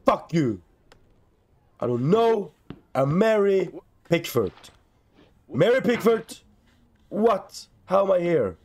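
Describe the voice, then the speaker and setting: A man's voice: high voice, very animated, takes it slowly, long pauses, darkish tone, a little hiss or hum. A young man doing live gameplay commentary while tipsy, rambling and repeating himself with exasperated, profane outbursts. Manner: tipsy from drinking, rambling and repetitive. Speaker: streamer playing a video game.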